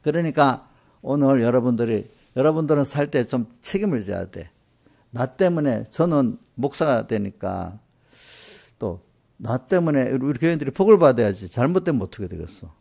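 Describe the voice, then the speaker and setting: A man's voice: medium pitch, animated, normal speed, vocal fry, warm tone. A middle-aged male pastor giving a conversational sermon in a church, often checking in with the congregation with short tag questions. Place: church sanctuary.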